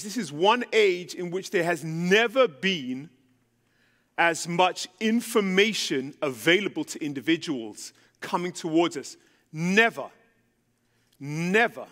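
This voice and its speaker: A man from London, England, with a London English accent and a high, slightly bright voice, preaches a sermon as a guest speaker on a church stage. His style is conversational and self-deprecating, full of ums. He uses a handheld microphone, and the church hall adds long reverb.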